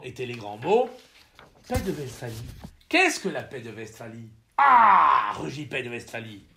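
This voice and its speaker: Expressive gravelly male audiobook narrator. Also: medium pitch. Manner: expressive, ironic storytelling. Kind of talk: scripted narration of a novel.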